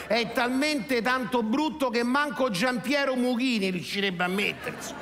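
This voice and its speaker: A middle-aged man performing a stand-up comedy monologue, animated and exasperated, breaking into shouted character bits. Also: extremely high pitch, a little slow, some chatter behind, slight background noise. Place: theatre stage before an audience. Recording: echoey hall, faint ambience.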